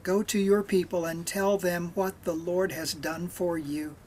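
A man reading Jesus, calm and commanding. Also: high voice, a little hiss or hum. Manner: slow, gentle reading voice.

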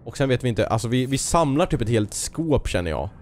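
Jumpy, excitable man gaming. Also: mid-range voice, slight background noise. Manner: excitable and jumpy, sudden nervous outbursts and exclamations; talks to the game creatures, jokes and mutters to himself. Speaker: gaming video host. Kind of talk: let's play commentary.

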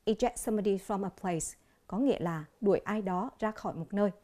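A woman from Vietnam with a Vietnamese accent, teaching an English vocabulary lesson on television, speaking slowly and clearly and repeating each word. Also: medium pitch, warm tone.

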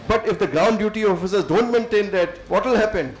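A middle-aged Indian man with an Indian English accent gives a thoughtful lecture to students, with many fillers and pauses. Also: high-pitched, reverberant, slight background noise, rough recording. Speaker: civil servant speaker. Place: lecture hall.

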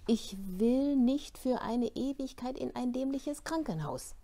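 A woman's voice: high-pitched, measured pace, mellow, voice pushed up. A woman voicing a stubborn young boy in a storybook reading, defiant and insistent. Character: stubborn young boy facing a hospital stay.

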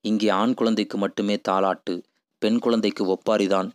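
A man's voice: lowish voice, little pitch movement, moderate pace, clean tone, no echo, natural voice. A man voicing weary hill villagers who speak plainly and ask questions. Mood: wondering.

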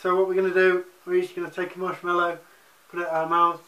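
A man's voice: high voice, completely flat delivery, quick pace, very noisy. A man in his twenties hosting a challenge in casual, playful chat. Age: 20s. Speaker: challenge host. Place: small living room. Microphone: camera across the room. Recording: echoey living room, distant mic.

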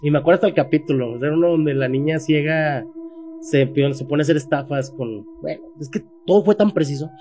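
A man's voice: a little high, fairly quick, dark tone, soft background music. A man in his thirties with a Mexican Spanish accent, telling a frightening personal story in casual, slangy speech and raising his voice when quoting people. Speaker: guest telling a paranormal story.

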